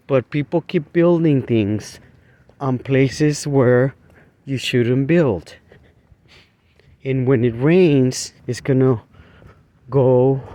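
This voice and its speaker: Vlogger, male, slow unhurried delivery, rambling walk-and-talk outdoors, passing traffic behind. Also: medium pitch, darkish tone. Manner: rambling, halting, with many fillers and restarts. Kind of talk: walking vlog, casual rambling talk. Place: outdoors, walking along a street.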